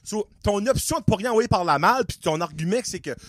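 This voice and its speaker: Animated Acadian man ranting. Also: high voice, brisk, no room sound, studio quality. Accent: Acadian French. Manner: profane, sarcastic and exasperated. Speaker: podcast host. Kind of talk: casual comedic rant.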